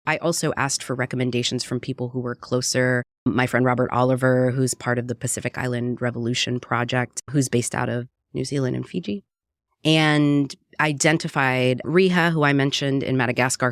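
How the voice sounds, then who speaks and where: A woman's voice: very deep voice, flat delivery, normal speed, no echo, studio quality. A woman from Puerto Rico, a cookbook author and radio producer, talking earnestly and reflectively in an interview. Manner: earnest and reflective, frequent "right?" tags. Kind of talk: conversational interview.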